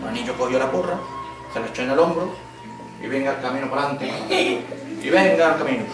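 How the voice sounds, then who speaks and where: A middle-aged man telling a folk tale to schoolchildren in a lively, interactive way, with sound effects and questions, recorded from far off in an echoey classroom. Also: medium pitch, a little fast, over music. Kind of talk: oral storytelling to children.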